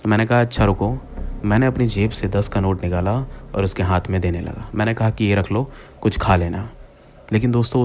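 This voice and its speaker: A man's voice: on the low side, warm tone, a little hiss or hum. A man narrating a first-person horror story to his listeners, speaking to them as friends and acting out his own lines.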